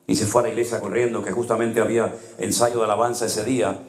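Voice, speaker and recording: A middle-aged man preaching a sermon as a pastor, telling personal stories with emotion and sudden leaps in pitch. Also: flat delivery, fast talker. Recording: echoey room.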